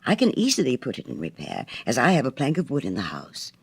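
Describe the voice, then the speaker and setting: A woman's voice: very deep voice, huge pitch swings, quick pace, breathy edge, voice pushed down, exaggerated voice. A woman as humble, lilting storybook Little Hans. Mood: delighted. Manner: earnest, guileless, deferential. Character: humble, trusting, eager-to-please little man Hans. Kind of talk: dramatized storybook reading.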